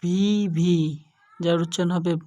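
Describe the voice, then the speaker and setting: Young woman, lower voice, very slow, careful lesson delivery. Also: completely flat delivery, warm tone. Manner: slow, careful listing of letter pairs. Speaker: English teacher.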